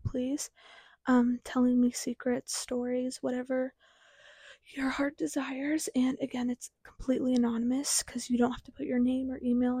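Teen female podcast host, casual and chatty, slight retainer lisp, highish husky voice with little melodic movement. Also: warm tone, no echo. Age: teens. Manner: informal, chatty.

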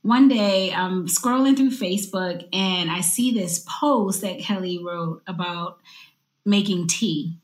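A woman co-hosting a casual chat, telling a story in an expressive, playful way. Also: on the low side, slow pace, roomy sound.

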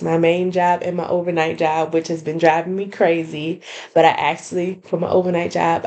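A woman hosting her own podcast, chatting casually and excitedly to her listeners with lots of fillers and laughter. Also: fairly low pitch, creaky. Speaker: podcast host. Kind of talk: casual solo podcast update.

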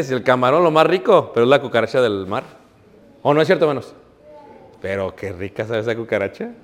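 A man's voice: medium pitch, big-room sound. A man preaching a humorous sermon, telling stories and laughing at his own jokes to the congregation.

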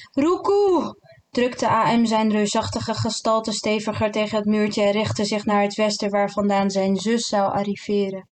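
Woman narrator, literary audiobook, calm and measured, mid-pitched.

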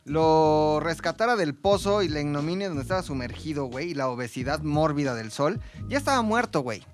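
A man's voice: a little high, expressive, a little fast, faint music behind. A man with a Mexican accent, co-hosting a comedy podcast, arguing and teasing in crude slang. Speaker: podcast co-host. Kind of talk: casual comedic chat.

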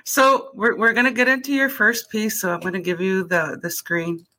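A woman's voice: medium pitch, level tone, moderate pace, sharp tone. A woman interviewing a musician, with short, enthusiastic replies between her questions.

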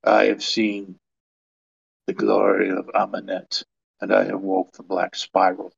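A cold, threatening werewolf caretaker, put on by a man for a tabletop game, speaking in a low, guttural growl with a put-on British accent. The voice sits a little lower than usual, with a rough, gravelly edge. The recording sounds a little dull and muffled. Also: completely flat delivery, measured pace, exaggerated voice. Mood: menacing.

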